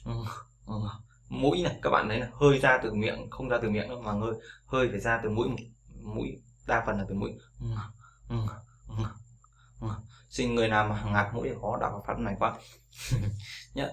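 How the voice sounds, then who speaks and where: A man's voice: mid-range voice, fairly even intonation, fast talker, gravelly, a bit bright. A man teaching English pronunciation in a casual tutorial, repeating each sound over and over with frequent fillers.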